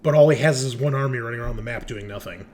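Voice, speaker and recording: A man with a medium-pitched voice talks very fast over a loud crowd, hosting casually and enthusiastically in slang laced with plenty of swearing. He acts as host and game master in this casual chat, and the recording carries noticeable background noise.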